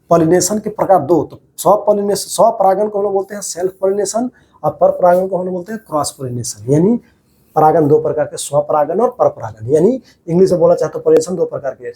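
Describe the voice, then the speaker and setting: A man's voice: on the high side, animated, a little fast, dark tone. A man teaching a biology class over diagrams, repeating each key term as a question to his students and calling them "babu".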